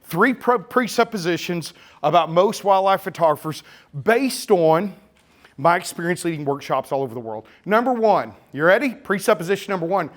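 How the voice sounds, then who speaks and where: A full room at a camera store event hears a middle-aged man present a live photography talk. He has a high, expressive voice at a moderate pace and a slurry Texas-Oklahoma drawl, and he keeps things chatty, joking, teasing and sarcastic.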